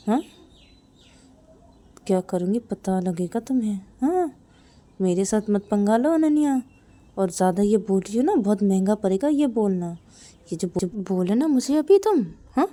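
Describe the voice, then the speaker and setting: Brief: a bossy, scolding young woman, mellow voice, played by a woman narrator. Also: medium pitch, animated, a little slow, long pauses, close to an everyday voice. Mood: defiant. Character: young woman, defiant, sharp-tongued.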